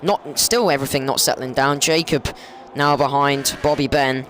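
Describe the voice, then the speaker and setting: A man commentating an online racing league race, excitable and rambling, often correcting himself and rising in pitch during crashes. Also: normal speed, slight background noise.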